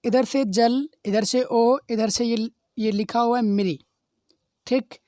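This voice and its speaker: A man's voice: very high-pitched, fairly even intonation, darkish tone, no echo. A male teacher giving a step-by-step grammar revision lesson, often asking students whether they follow. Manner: keeps checking understanding with quick questions; explains step by step, answering his own questions.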